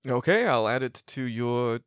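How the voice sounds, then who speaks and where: A man's voice: mid-range voice, lively intonation, a little slow, dry recording, studio quality, natural voice. A man voicing an accommodating innkeeper in an improvised tabletop game, talking politely and a little hesitantly to guests. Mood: obliging. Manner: polite, obliging, slightly hesitant service talk. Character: accommodating male innkeeper at an adventurers' guild. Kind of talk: improvised tabletop role-play.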